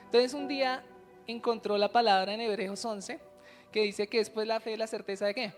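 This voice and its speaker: A woman's voice: on the high side, fairly even intonation, moderate pace, faint music behind. A woman preaching a sermon to a congregation, telling a story and asking the listeners questions. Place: church service.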